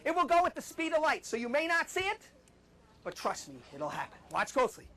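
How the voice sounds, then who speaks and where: A man working as a kids party magician, high-pitched and swooping widely as he talks. He coaxes children along with playful patter and puffs up each announcement like a showman. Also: wildly swooping pitch, fairly quick, bright, forceful tone. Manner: exaggerated showman announcing and coaxing.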